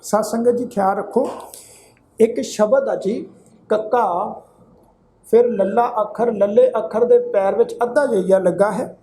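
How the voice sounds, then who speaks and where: A woman with a Punjabi accent teaching scripture pronunciation, chanting verses slowly and spelling out letters. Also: mid-range voice, steady tone, mellow, a little hiss or hum, rough recording. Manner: slow chanted recitation alternating with quick spelled-out explanations. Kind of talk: recitation lesson.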